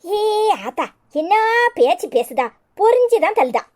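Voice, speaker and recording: A woman's voice: extremely high pitch, very animated, a little slow, dark tone, exaggerated voice. A teasing old village grandmother. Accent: Kanyakumari Tamil. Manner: teasing, scolding-affectionate.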